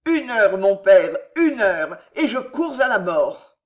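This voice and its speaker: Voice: mid-range voice, big pitch swings, takes it slowly. A reader voicing a desperate young nobleman who pleads and cries out, then turns defiant, in an audiobook reading. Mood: pleading. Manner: pleading, crying out.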